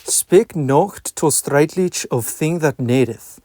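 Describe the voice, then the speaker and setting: A man reading a text aloud in Middle English, with archaic pronunciation and a deliberate, measured delivery. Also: a little high, lively intonation, dark tone, dry recording.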